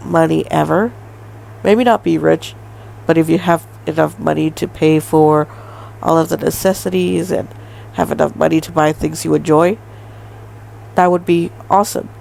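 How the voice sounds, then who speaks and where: A woman's voice: fairly low pitch, creaky, a little mellow, a little hiss or hum, low-quality recording. A woman in her twenties hosting a solo podcast, talking in a rambling way with lots of fillers and hedges. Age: 20s. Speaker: podcast host. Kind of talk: casual solo podcast monologue.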